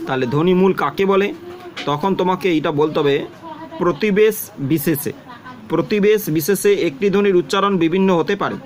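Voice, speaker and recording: A man teaching a twelfth-grade grammar lesson, who explains slowly and says example words and definitions more than once. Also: high-pitched. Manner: explains slowly, repeats example words and definitions, often tells students to look.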